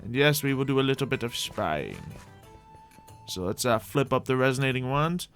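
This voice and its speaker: Over background music, a man hosts a gaming roleplay video, talking to himself and his viewers in playful, theatrical, in-character commentary. His fairly bright, medium-pitched voice moves at normal speed with big swings in pitch.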